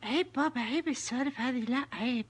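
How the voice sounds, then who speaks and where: A young man putting on the breathy voice of a prim young woman who scolds a caller during a prank phone call. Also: extremely high pitch, fast talker. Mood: scolding. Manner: scolding, coy.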